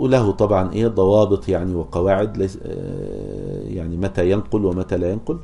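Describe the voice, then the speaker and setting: A man teaching a classical text, pausing to ask rhetorical questions and slowing down to chant verses and examples. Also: fairly low pitch, creaky, mellow. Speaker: teacher of Quran recitation. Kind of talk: explaining a scholarly text to students.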